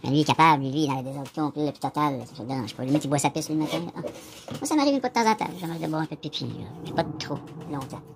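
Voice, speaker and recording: A man's voice: a little high, fairly even intonation, racing, vocal fry, few pauses, noisy background. A man with a Québécois French accent, rambling in a casual vlog monologue and speaking straight to the viewer. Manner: meandering, addresses the viewer directly, frequent filler "là". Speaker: vlogger.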